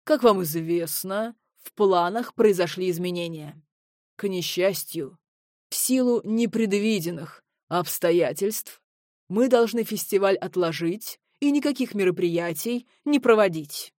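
Lady doing a formal badger hotel guy, measured and steady, slow, dry close sound. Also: mid-range voice, no echo, close to an everyday voice.

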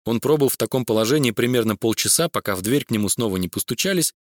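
A man narrating a crime story audiobook in a measured reading voice. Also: medium pitch, expressive, no room sound, clean studio sound. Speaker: audiobook reader. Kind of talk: scripted narration.

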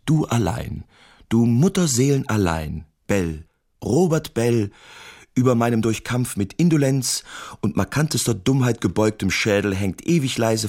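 Bitter, ironic letter-writing artist, gravelly low voice, radio drama. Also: male voice, darkish tone. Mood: weary gloom. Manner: mock-patriotic irony turning bitter. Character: sardonic lonely male artist writing wartime letters.

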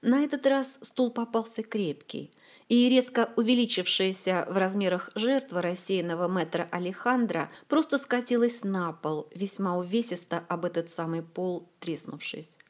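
A woman reading a humorous fantasy novel aloud as an audiobook narrator, in a lively storytelling manner. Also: mid-range voice, moderate pace. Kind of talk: scripted narration.

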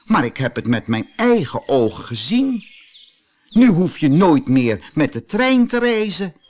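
A man's voice: on the high side, big pitch swings, unhurried, voice pushed up. A man doing a sensible, practical older wife.

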